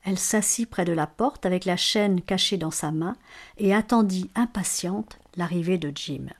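A woman reading a story aloud in a measured, expressive way. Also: on the low side.

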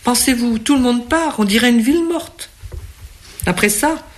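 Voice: mid-range voice, normal speed, pitched above the performer's own voice, natural voice. A reader voicing a gloomy, bitter working-class stranger who grumbles about hard times.

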